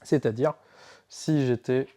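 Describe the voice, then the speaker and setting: Man, game shop presenter, casual rules walkthrough, middle pitch. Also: fairly even intonation, slow, mellow. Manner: casual, filler-heavy walkthrough with self-corrections.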